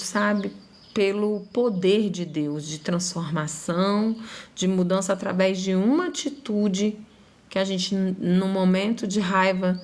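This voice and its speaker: A woman's voice: fairly low pitch, darkish tone. Woman giving a chatty faith testimony. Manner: conversational, often adding tag questions like "né?" and "sabe?".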